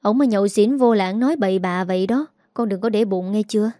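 A sharp-tongued old village woman with a Southern Vietnamese accent, brisk and scolding yet kind underneath, as a woman storyteller puts her on. The sound is mellow, close and dry. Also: mid-range voice, no room sound, close to an everyday voice.

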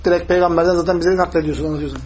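A man's voice: on the high side, fairly even intonation, very fast, darkish tone, a little hiss or hum, rough recording. A man teaching a hadith lesson, explaining step by step, asking his class questions, and reciting Arabic passages. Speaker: religious teacher.

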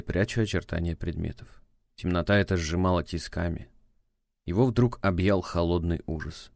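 A man reading an audiobook in a measured, dramatic narration style. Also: sits low, a little mellow, no echo, clean studio sound. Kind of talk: scripted narration.

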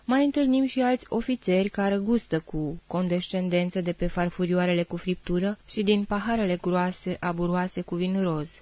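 A woman reader narrating a literary novel in a measured, expressive manner. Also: on the low side, no room sound. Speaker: audiobook reader.

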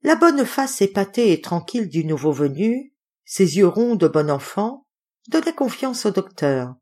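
A woman narrating a classic novel as an audiobook reader, with lively expressive storytelling. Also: medium pitch, unhurried.

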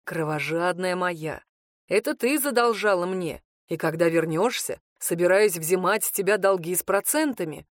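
A woman voicing a smug, teasing male lover in an audiobook, speaking low and slow. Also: dry recording, studio quality, close to an everyday voice.

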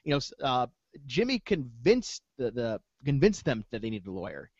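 A man's voice: medium pitch, sing-song, darkish tone, no room sound, muffled recording. A man co-hosting a podcast, discussing a TV show casually, stumbling and repeating words as he gets going. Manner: halting, repeats words, eager. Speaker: podcast co-host.

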